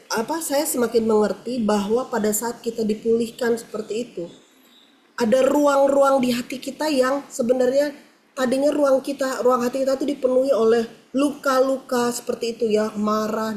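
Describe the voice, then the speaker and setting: A woman's voice: fairly high pitch, darkish tone, slight background noise. A woman giving an earnest, candid personal testimony over a video call, talking with many fillers. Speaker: participant sharing a testimony. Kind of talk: personal testimony in an online prayer meeting.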